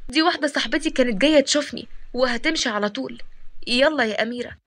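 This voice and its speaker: A talkative young Egyptian woman coaxes and scolds her friend in a rush of words, voiced by a woman storyteller. Her tone is persuasive and a little high. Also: very fast, a bit bright. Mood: chatty. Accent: Egyptian Arabic. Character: young woman, loyal chatty friend and shop worker.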